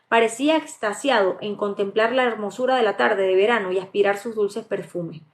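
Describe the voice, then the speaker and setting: A woman's voice: medium pitch, fairly quick. A woman reading a novel aloud live as an audiobook, now and then stumbling and correcting herself. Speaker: audiobook reader.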